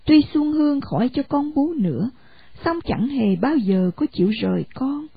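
A woman narrates a storybook in an expressive, animated reading. Her high voice has a gravelly rasp and swings widely in pitch. The sound is dry and dull, like a lo-fi recording. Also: moderate pace, dry recording.

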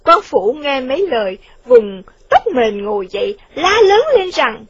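A woman reading a novel aloud in a plain, slightly halting manner. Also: sits high, big pitch swings, breathy edge, no room sound. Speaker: narrator. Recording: dull lo-fi recording.

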